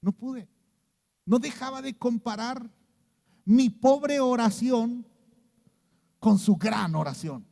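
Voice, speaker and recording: Here the pastor, speaking with a Mexican Spanish accent, takes his sermon slowly in a gravelly voice with long pauses, and a long reverb tail follows him. He tells a story, drops to a low hush to imitate someone, and often checks in with "¿sí?".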